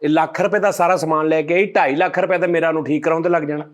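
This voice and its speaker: A man hosts a comedy show, teasing and joking. His voice sits high. He talks at a rapid clip. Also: fairly even intonation. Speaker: show host. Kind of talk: comedic banter.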